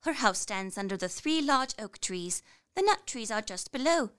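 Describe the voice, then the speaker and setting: Innocent storybook girl, high and lively, voiced by a woman. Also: normal speed, smooth. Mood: polite. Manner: polite, earnest, high and lively. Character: sweet innocent little girl.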